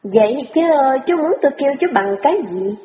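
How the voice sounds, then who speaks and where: A woman's voice: high voice, animated, brisk, mellow, pitched above the performer's own voice. A woman voicing a cold young woman who curtly rejects her former lover, in an audio story. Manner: curt, dismissive. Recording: echoey hall with a long reverb, lo-fi.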